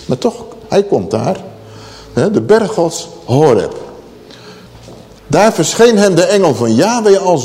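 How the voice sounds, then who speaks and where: A man's voice: a little high, mellow. A man preaching a Bible-teaching sermon who asks rhetorical questions and draws out key words for emphasis. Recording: long reverb of a large hall.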